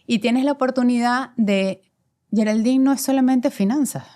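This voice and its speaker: A woman in her forties, a commercial director with a Venezuelan Spanish accent, recounts her career reflectively as an interview guest, using many fillers. Her voice is a little high and dark in tone, at normal speed.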